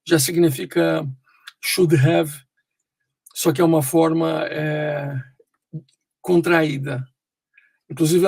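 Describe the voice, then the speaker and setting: A man teaching English pronunciation online, explaining slowly with many fillers and pauses. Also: a little high, gravelly, a little mellow, breathy edge, dry recording.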